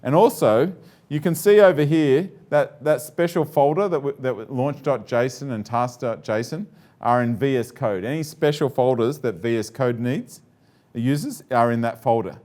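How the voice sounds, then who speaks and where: A man's voice: mid-range voice, moderate pace, darkish tone. Male presenter at a live tech talk, casual and jokey, mid-range voice, loose with fillers. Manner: chatty, joking, with many fillers and restarts.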